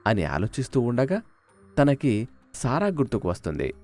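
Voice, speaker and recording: A man narrating a children's cartoon story in an expressive storytelling manner. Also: mid-range voice, moderate pace, faint music behind.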